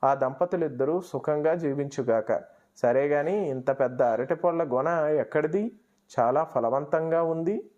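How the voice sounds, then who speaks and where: A man's voice: fairly high pitch, unhurried, darkish tone, close to an everyday voice. A man doing a revered old sage in a storybook tale, kindly yet stern, with a commanding, knowing way of speaking. The recording sounds dull and lo-fi.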